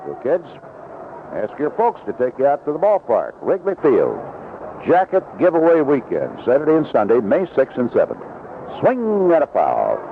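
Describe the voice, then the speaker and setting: This is a mid-range male voice calling a baseball game on vintage AM radio from an outdoor stadium booth, alternating live commentary with sponsor reads. The sound is narrow, tinny, band-limited and noisy.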